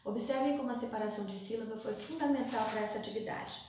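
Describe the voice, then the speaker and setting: A woman teaching a young class, drawing words out one syllable at a time in a deliberate, unhurried way. Her fairly high voice carries through a very reverberant classroom. The mic sits some distance away. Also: darkish tone. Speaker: primary school teacher. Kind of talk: recorded classroom lesson. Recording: very echoey room, voice far from mic.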